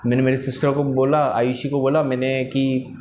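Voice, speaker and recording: A young man from India, an English trainer, telling students a motivational story. He talks in a lively way, switches between Hindi and English, and keeps checking in with "right?". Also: medium pitch, moderate pace, a little hiss or hum. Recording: roomy echo.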